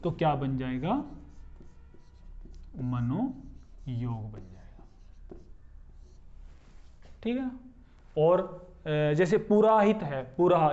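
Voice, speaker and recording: A man teaches a grammar lesson in a high voice, working through each rule one step at a time. He poses questions and then answers them, and he draws words out slowly, syllable by syllable. The recording sounds dull and lo-fi. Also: dark tone. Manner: explains step by step, often asking and answering his own questions. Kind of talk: classroom-style grammar lesson.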